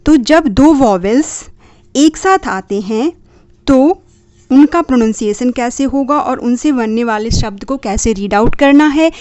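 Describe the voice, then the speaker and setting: A woman hosting a parenting channel, slowly and patiently explaining reading rules to parents and sounding out words. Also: on the high side, lively intonation, darkish tone, no echo. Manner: slow and patient, spelling out sounds. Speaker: parenting channel host teaching phonics.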